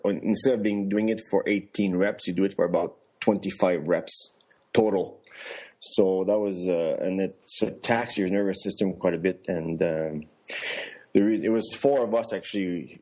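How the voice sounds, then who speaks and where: A man's voice: lowish voice, vocal fry, mellow. A middle-aged man, a former athlete, casually tells a story in an interview. He restarts often and laughs here and there. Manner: rambling, with many restarts and fillers; laughs while telling stories. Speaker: guest, former luge athlete and coach.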